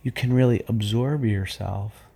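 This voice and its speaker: A man working as a sports performance coach, leading athletes through a guided visualization in a slow, soothing, hypnotic way. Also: fairly low pitch, vocal fry, warm tone, breathy edge.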